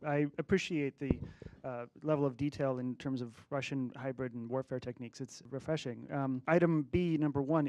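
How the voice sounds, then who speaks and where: A man's voice: mid-range voice, a little mellow. Earnest man judging on a panel. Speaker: judge on a panel, journalist. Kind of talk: spoken panel questions and remarks.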